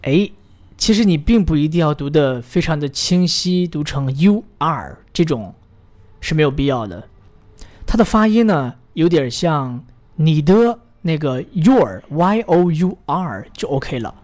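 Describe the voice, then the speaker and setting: With a slightly high, darkish voice that swings widely in pitch, a male English teacher drills pronunciation. Encouraging throughout, he models phrases slowly, leaves pauses for repetition, and praises the learner a lot.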